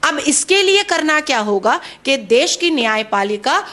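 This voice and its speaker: Woman commentator, high pitch, pointed and questioning delivery. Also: very animated, unhurried, pushed and bright.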